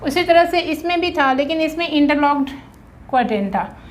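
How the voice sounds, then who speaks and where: This is an Indian woman with a high voice teaching an exam-prep lesson. She explains patiently and pauses often to check that her students follow. When she drills rhyme schemes, she spells them out slowly, letter by letter. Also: lively intonation, a little hiss or hum.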